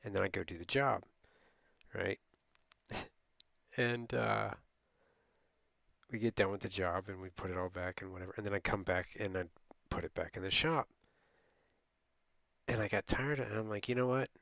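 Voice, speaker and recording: A man's voice: low voice, normal speed, gravelly, long pauses, fairly bright tone, no echo. A middle-aged man telling a rambling, casual late-night story as a streamer, often laughing and quoting people.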